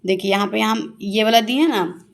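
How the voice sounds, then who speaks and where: A woman teaching a shorthand lesson. She asks her pupils questions, answers them herself, and repeats the key words slowly. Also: mid-range voice, creaky. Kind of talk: classroom-style shorthand lesson.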